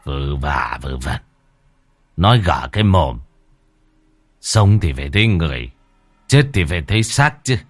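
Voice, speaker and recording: A man voicing a gruff, irritable middle-aged village husband who scolds in curt sentences. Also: a bass voice, sing-song, a little slow, pauses often, no echo, heavily acted. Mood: scolding.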